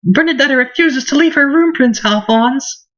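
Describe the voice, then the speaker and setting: A man's voice: very high voice, moderate pace, a bit bright, voice pushed up. Dude doing generic girl voice, perky young student, muffled mic. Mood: eager. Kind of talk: fan voice-over of game dialogue.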